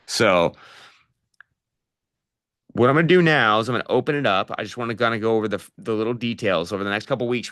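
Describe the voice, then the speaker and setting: Coaching a live online real estate session, a middle-aged man speaks in a fairly low, fairly bright voice. He's casual and direct, calling listeners "you guys" and giving practical advice with plenty of fillers.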